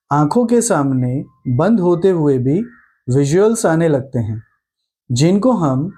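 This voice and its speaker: A man guiding a past-life regression meditation, explaining calmly and patiently, then leading listeners into relaxation. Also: fairly high pitch. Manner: calm, unhurried, reassuring explanation; slower and softer when guiding the meditation. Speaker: hypnosis meditation guide. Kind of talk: slow guided meditation instruction.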